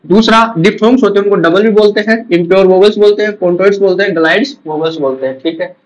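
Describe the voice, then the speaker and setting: Indian guy w teaching exam prep, pretty high voice, asks then answers himself over and over. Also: rapid-fire, dull audio. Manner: drills with repeated questions and answers.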